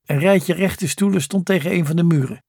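A man narrating a novel as an audiobook in calm, even scripted storytelling. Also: sits high, moderate pace, creaky, husky, no room sound, clean studio sound.

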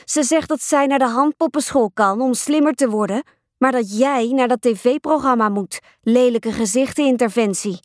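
A woman reading a storybook aloud and voicing a pushy, giggly little girl in a high, singsong, teasing voice. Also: normal speed, dry recording, clean studio sound, close to an everyday voice. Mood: bratty.

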